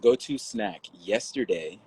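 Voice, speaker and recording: A man joining a casual livestream from home over a phone call, chatty and quick to laugh. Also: fairly low pitch, a little hiss or hum. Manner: laughing, chatty, animated storyteller. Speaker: livestream guest. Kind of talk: casual chat.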